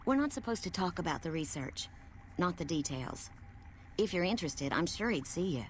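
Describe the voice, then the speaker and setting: A woman's voice: lowish voice, animated, moderate pace, lightly acted. A woman playing a guarded research staffer in a video game. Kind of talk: video game character dialogue. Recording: noisy game audio with background ambience.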